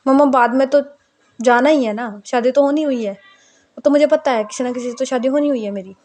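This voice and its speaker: A woman's voice: high-pitched, a little fast, a little mellow, lightly acted. A woman voicing a young daughter who coaxes and comforts her mother affectionately. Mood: tender. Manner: coaxing, affectionate.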